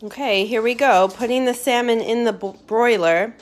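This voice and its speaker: A woman's voice: a little high, normal speed. A woman chatting enthusiastically through a casual cooking vlog in her home kitchen, filming on a phone in her hand. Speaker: home cook. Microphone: phone held in hand.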